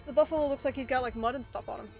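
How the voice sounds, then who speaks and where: A woman's voice: sits high, racing, dark tone. A woman hosting a gaming stream, chatting casually, laughing often and reading out chat. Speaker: streamer and host. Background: faint game music.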